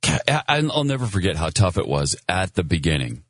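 Man, talk radio co-host, animated pitch, mocking banter, dry sound. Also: a little fast, no echo. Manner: mocking, jokey asides.

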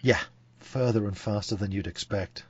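A man's voice: fairly low pitch, normal speed, husky, no room sound, dull audio. A man hosting a podcast, chatty and enthusiastic about food and beer. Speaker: podcast host. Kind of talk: casual chat.

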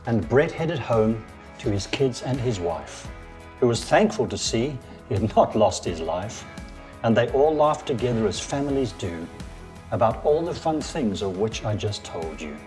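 An enthusiastic man talks casually as host, rambling a little and chuckling as he goes. His speaking voice is medium in pitch but very lively, rising and falling freely. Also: a little slow, soft background music. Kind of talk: casual talk and poem reading.

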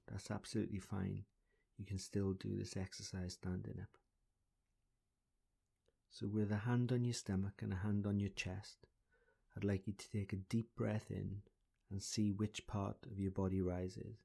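A man leading a guided breathing exercise in a slow, soothing, deliberate voice, counting breaths. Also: fairly low pitch, level tone, gravelly, mellow, husky. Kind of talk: calm guided relaxation exercise.

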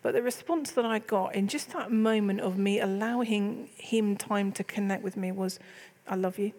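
A woman's voice: medium pitch, moderate pace, darkish tone. A middle-aged woman, a church leader, hosting a casual faith discussion and telling candid personal stories. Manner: chatty, candid storytelling.

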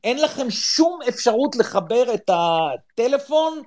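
A middle-aged man from Israel telling a story with drama, often urging his listeners to listen well. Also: very high voice. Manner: excitable, dramatic, swears, repeats "listen well". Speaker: podcast panelist. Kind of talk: animated storytelling.

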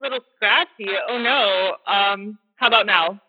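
A woman's voice: medium pitch, normal speed. A woman calling in on speakerphone, her voice scratchy and cutting out as if over a walkie-talkie, apologetic and checking if she can be heard. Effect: scratchy, cutting-out line like a walkie-talkie. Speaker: caller. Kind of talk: casual call-in chat. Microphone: phone on speakerphone. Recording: crackly noisy distant phone line.

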